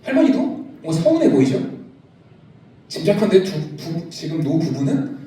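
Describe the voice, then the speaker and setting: A middle-aged male pastor preaching a youth service sermon in a large church sanctuary, lively and joking with the congregation. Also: fairly high pitch, moderate pace, slight background noise. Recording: echoey church hall, from a distance.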